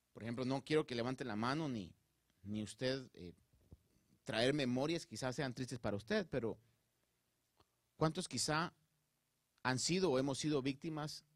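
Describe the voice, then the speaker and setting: A man's voice: on the high side, no room sound, clean studio sound. A male pastor preaching a sermon, talking straight to his congregation and checking in with them often. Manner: addresses the congregation directly with frequent check-ins; animated, preacherly delivery with rising emphasis. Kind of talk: Spanish-language sermon.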